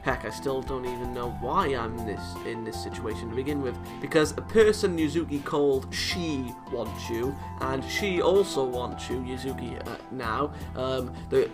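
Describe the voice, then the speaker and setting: Game music plays under a man narrating a visual novel for his let's play. He speaks in a mid-range voice at normal speed with hardly any pauses, breaking off into casual asides that joke about and tease the story.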